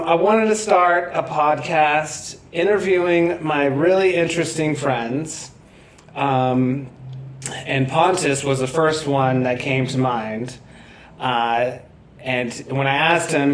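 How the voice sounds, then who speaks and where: A man hosting a casual podcast, excited and halting, with lots of fillers and restarts. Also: fairly high pitch. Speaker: podcast host. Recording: echoey room.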